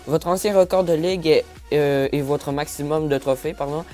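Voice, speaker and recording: A man with a mellow, soft-edged voice talks through a game update in casual commentary, reading notes aloud. He stumbles over words, restarts and apologizes for his stammer. Faint music plays behind him. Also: fairly high pitch, normal speed. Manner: stammers and apologizes often, many fillers. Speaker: gaming YouTuber.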